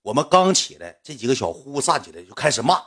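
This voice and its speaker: A man with a Northeastern Mandarin accent tells a colloquial anecdote, circling back over the same phrases. His voice is husky, and he talks fast. His pitch swings widely as he goes. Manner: rambling, colloquial, animated retelling with repeated phrases. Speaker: storyteller. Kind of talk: casual spoken anecdote.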